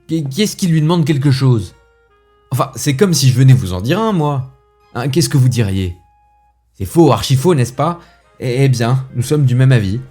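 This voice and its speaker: A man playing a fussy, indignant gentleman who rants with theatrical asides, as in a comic stage monologue. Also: mid-range voice, lively intonation, normal speed, faint music behind, voice pushed up, natural voice. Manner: huffy, ranting, theatrical asides.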